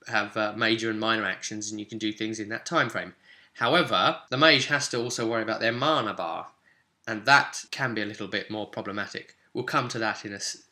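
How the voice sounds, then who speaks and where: A presenter of a tabletop game guide explains things informally and chattily, tossing in rhetorical questions. His voice is on the low side, yet bright with a forceful tone.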